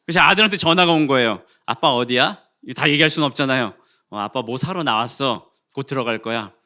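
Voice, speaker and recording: A man in his forties preaching a sermon in a church, telling a funny personal story with lively acted-out dialogue. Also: mid-range voice, fast talker. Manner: animated storytelling, acting out quarrels and rising to loud exclamations. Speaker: pastor. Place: church sanctuary.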